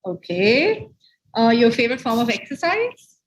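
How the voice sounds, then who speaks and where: High-voiced woman hosting a dating show. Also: big pitch swings, low-quality recording. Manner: upbeat, quick-fire questioning. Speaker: show host. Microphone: video call.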